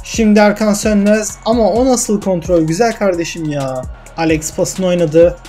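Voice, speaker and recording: Young man, high voice, gaming commentary, emotional, faint music behind. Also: normal speed. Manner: emotional, swings from calm commentary to yelling at goals and cursing misses. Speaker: gaming YouTuber. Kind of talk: excited play-by-play of his own football video game. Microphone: desk mic.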